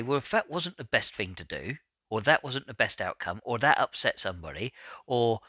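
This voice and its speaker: A man's voice: medium pitch, sharp tone, no echo. A man hosting a solo self-help podcast, explaining ideas in an earnest, conversational way. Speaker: podcast host.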